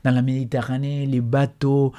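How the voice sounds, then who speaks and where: A man's voice: mid-range voice, flat delivery, normal speed, dark tone. A man on a Bible study panel who tells anecdotes with emphasis and often repeats words as he talks. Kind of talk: religious panel discussion.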